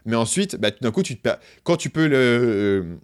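A man speaking in an easygoing conversational way. He restarts phrases and leans on fillers while he works out his explanation. His voice sits at an ordinary middle pitch. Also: animated, moderate pace, clean tone. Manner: hesitant, repeats words, many fillers. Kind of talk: casual conversation.

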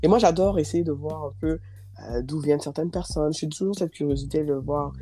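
Warm-voiced woman speaking expressively. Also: low voice, brisk, soft background music. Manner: fluent and expressive, with some repetitions. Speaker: interview guest, community leader. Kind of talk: conversational interview.

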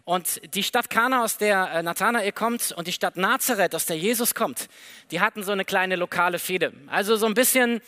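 Speaking at a moderate pace in a high-pitched voice, a male pastor preaches a lively, conversational sermon. As he tells the story, he acts out its dialogue.

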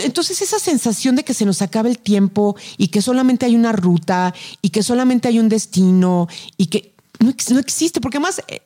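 A woman's voice: a little high, warm tone. Emphatic middle-aged Mexican woman. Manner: emphatic, advice-giving, colloquial. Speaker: podcast guest. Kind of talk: casual conversation.

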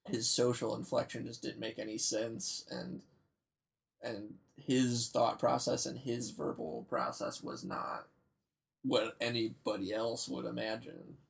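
A man's voice: mid-range voice, unhurried, gravelly. A man co-hosting a podcast, chatting casually and picking things apart with dry, wry jokes. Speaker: podcast co-host. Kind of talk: casual chat.

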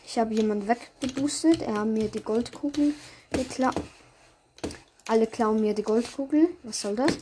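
A woman comments casually and live on her own gameplay, reacting aloud in short bursts at a moderate pace. Her voice is on the high side, and clear background noise and keyboard clicks can be heard.

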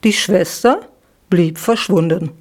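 Slow storytelling woman. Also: fairly low pitch, heavy background noise. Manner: slow, lively voices for the children. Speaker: author reading her children's book. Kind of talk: storybook reading aloud.

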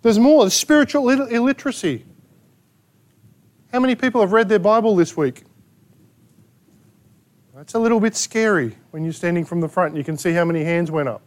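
Australian male pastor, high voice, punchy sermon delivery, fires rhetorical questions at the room. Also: lively intonation, a little fast, long pauses. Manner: emphatic preaching with rhetorical questions and sharp asides. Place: church gathering in a rented hall.

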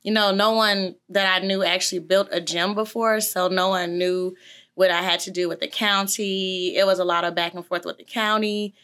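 A woman's voice: medium pitch, fairly even intonation, moderate pace, a bit bright. A woman in her thirties, a gym owner and trainer, talking about her business in a chatty, upbeat way full of "um"s and "like"s. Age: 30s. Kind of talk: casual interview.

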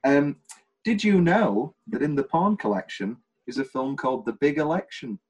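Husky British man chatting about films. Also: a little high, big pitch swings, moderate pace, a little mellow, rough recording. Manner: rambling, jokey, quotes scenes in funny voices. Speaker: podcast host. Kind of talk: casual film podcast chat.

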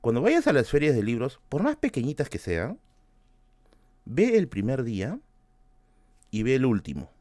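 A man with a Peruvian Spanish accent, hosting a book channel and telling a story in casual talk, switching between loud bursts and hushed asides and swearing freely. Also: medium pitch, huge pitch swings, moderate pace, pauses often, dry recording. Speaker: book-collecting channel host.

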